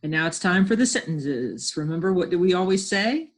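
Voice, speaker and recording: A woman's voice: on the low side, fairly quick. A woman teacher giving a lesson from home, patiently sounding out words and encouraging her class.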